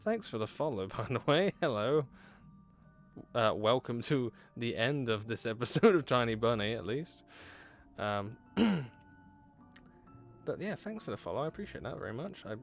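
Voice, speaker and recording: Medium in pitch, this young man plays a horror game on stream from a small room through a headset mic, voicing the game's text, joking with chat, cursing and laughing throughout.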